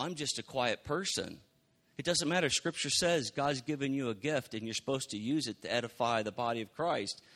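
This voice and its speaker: Bright-voiced preaching man. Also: a little high. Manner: conversational, animated preaching with acted-out quotes. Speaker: pastor. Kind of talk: sermon.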